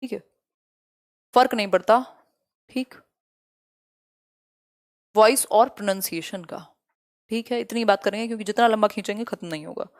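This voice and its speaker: A young woman teaching an online exam-prep lecture, brisk and chatty, mixing in English terms. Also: medium pitch.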